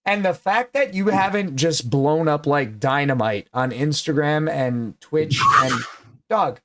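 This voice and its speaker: In a slightly high, fairly bright voice, a male livestream host speaks a little slowly. He keeps the chat casual while bluntly teasing his guest and cursing often.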